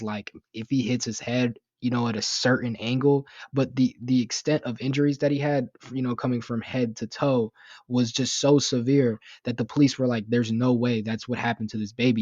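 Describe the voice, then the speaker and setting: A man's voice: medium pitch, darkish tone, dry recording. Rambling, cursing young man on a dull mic. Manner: rambling, filler-heavy, profane and indignant. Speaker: YouTube commentator. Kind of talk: casual commentary on a news story.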